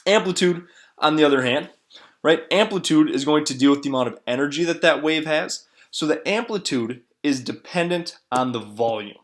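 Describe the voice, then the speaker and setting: A man's voice: fairly high pitch, moderate pace. A man teaching a classroom lecture in an explanatory way, often repeating words and checking in with a questioning "right?". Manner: repeats words while searching for them.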